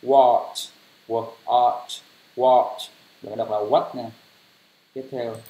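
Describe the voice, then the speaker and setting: A man leads a pronunciation lesson at an unhurried, deliberate pace. He spells each word out letter by letter and then says it again, louder. The sound is roomy and a little dull and lo-fi. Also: mid-range voice, flat delivery. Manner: spells words letter by letter, repeats them slowly and loudly. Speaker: English pronunciation teacher.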